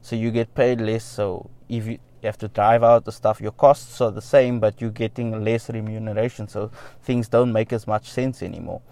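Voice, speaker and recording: A man's voice: on the low side, flat delivery, moderate pace, few pauses, mellow. A man, a musician answering interview questions in a loose, rambling way with many fillers and the odd wry laugh. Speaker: musician guest.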